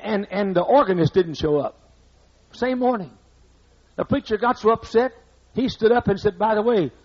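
A man's voice: sits high, darkish tone, husky. An older man preaching a sermon as pastor in a church, blunt and conversational, scolding the congregation with asides, on a muffled old recording. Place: church sanctuary.

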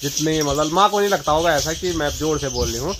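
A man's voice: fairly high pitch, animated, fast. A young man from the hills chatting as a vlogger in a village, teasing and laughing often. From Uttarakhand hills, India. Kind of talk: casual vlog narration. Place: outdoors in a hill village. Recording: outdoor noise. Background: outdoor noise with birds and animals.

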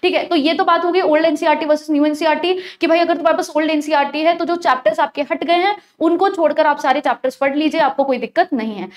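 A young woman, a chemistry teacher, giving an exam-prep lecture, explaining step by step and mixing English terms into her speech. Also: high-pitched.

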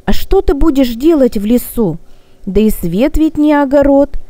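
A woman's voice: high-pitched, lively intonation, moderate pace, warm tone, dry recording, pitched above the performer's own voice. A woman voicing a kindly old male gnome who speaks gallantly and soothingly.

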